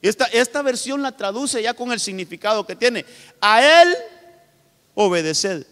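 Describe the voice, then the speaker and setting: A man's voice: very high voice, expressive, measured pace, a bit bright. A male pastor from Honduras preaching a sermon with emphatic delivery, often calling out to his listeners directly. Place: church hall. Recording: long hall reverb.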